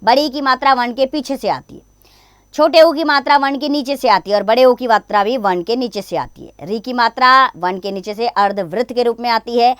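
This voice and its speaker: A woman teaches young children, walking patiently through example after example. Her voice is smooth and clear and a little high. The sound is dry and close, with no room echo. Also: fairly bright tone. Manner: slow, patient explaining with examples. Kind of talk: grammar lesson for children.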